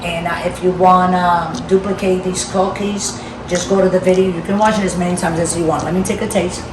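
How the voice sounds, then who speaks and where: Woman, casual cooking vlogger, conversational, talks to viewers, distant mic, clear background noise. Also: on the low side, steady tone, fairly quick. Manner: conversational, repeatedly seeking agreement. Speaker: home cooking video host. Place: home kitchen. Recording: roomy, noisy kitchen, distant mic.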